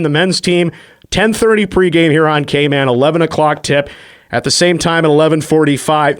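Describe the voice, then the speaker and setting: A man with a slightly higher voice hosts a sports radio show from a studio microphone. He races through rankings and game times in a breezy, rapid way, sprinkling in uh's as he goes.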